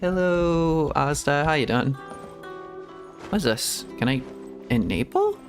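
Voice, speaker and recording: This male VTuber streamer talks to himself while gaming, chatting casually and breaking into frequent giggles. His voice is fairly high and animated, he speaks slowly, and faint music plays behind him.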